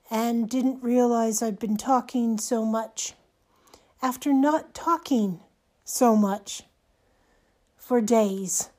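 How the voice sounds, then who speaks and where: Hoarse, slow-talking older woman podcaster. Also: fairly high pitch, darkish tone. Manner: halting delivery in short reflective phrases. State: hoarse, voice nearly gone. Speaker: podcast host. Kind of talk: personal monologue podcast.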